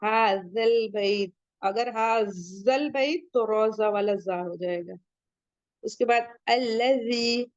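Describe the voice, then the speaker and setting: Woman, tajweed teacher, patient step-by-step explanations, slow careful recitation, dry close mic. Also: a little high, a little mellow, no echo, muffled recording. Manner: explains rules step by step, then recites each word slowly; asks students questions and checks their answers.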